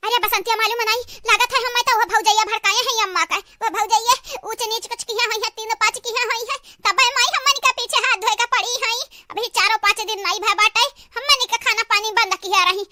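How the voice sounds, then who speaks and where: In a full character voice, bright and forceful, a woman rattles off lines fast with hardly any pauses, sounding gossipy and aggrieved. She is voicing squabbling, melodramatic village women in a homemade comedy cartoon, with an eastern Uttar Pradesh accent, scolding and exclaiming through a pitched-up effect.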